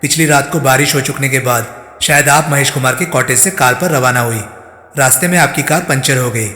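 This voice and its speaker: A man's voice: mid-range voice, fairly quick, pushed and bright, roomy sound, long reverb tail, lightly acted. A man voicing a stern, persistent male police inspector who questions firmly and pointedly. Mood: probing.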